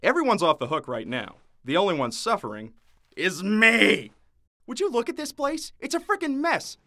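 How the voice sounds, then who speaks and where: A man voicing a fast-talking, harried male devil boss in an animated short, wisecracking and full of puns. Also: medium pitch. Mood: wry. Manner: wisecracking, punning, exasperated.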